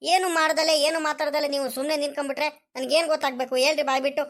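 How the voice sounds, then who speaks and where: A woman's voice: high-pitched, flat delivery, racing, fairly bright tone. A woman voicing a young village husband in a comedy cartoon, anxious and full of repeated pleading questions. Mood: worried pleading.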